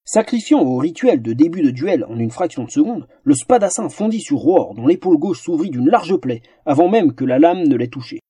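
A man narrating a fantasy story in a theatrical, animated audiobook style. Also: a little high, moderate pace, few pauses, slightly rough, no room sound.

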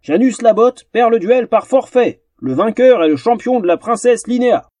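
A man's voice: extremely high pitch, lively intonation, moderate pace, dry recording, studio quality, pitched above the performer's own voice. A man voicing a stern male tournament captain in a storybook reading, barking orders and proclamations. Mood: commanding. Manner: peremptory, loud proclamations.

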